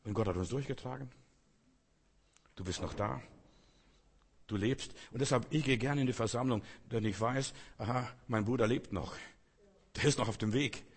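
With a husky, mid-range voice at a moderate pace broken by long pauses, a man delivers an emphatic sermon. He leans on repeated phrases and asks his listeners rhetorical questions directly.

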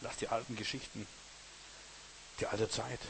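A man's voice: lowish voice, little pitch movement, moderate pace, vocal fry, background noise. A man preaching a sermon in a folksy way, who keeps turning to the listener with "you know?" and "understand?". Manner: folksy, keeps asking "weißt du", "verstehst du".

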